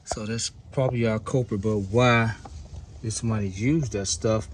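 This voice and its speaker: A DIY mechanic hosts a casual, hands-on car repair vlog outdoors next to the car, chatting in a relaxed way straight to his viewers. Sniffly with a runny nose from the cold, he speaks in a lowish voice at normal speed, with a slight hiss or hum on the audio.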